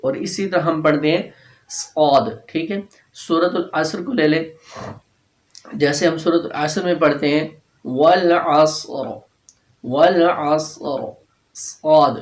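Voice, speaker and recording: A man teaching a tajweed lesson, patiently repeating each letter slowly and chanting verses in drawn-out recitation. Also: on the high side, echoey room.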